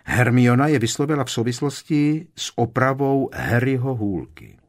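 A man reading a novel aloud as an audiobook, expressive and animated. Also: mid-range voice. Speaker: audiobook narrator.

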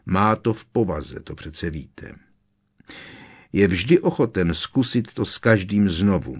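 A grizzled old hunter of dark wizards growls his words slowly, with a quiet threat under them, as a male narrator puts him on. The voice is deep and rough, a storybook bruiser. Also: expressive. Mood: menacing. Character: gruff, grizzled older male monster hunter. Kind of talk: audiobook character voice.

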